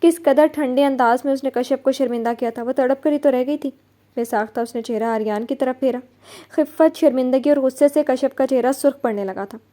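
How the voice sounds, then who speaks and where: A woman narrating a romance novel in an expressive, storytelling manner. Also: high voice, fairly quick.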